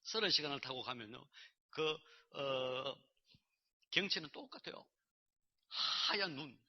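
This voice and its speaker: A man's voice: medium pitch, expressive, measured pace. A male pastor giving a sermon, telling a story and acting out the dialogue himself. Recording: dull lo-fi sermon recording.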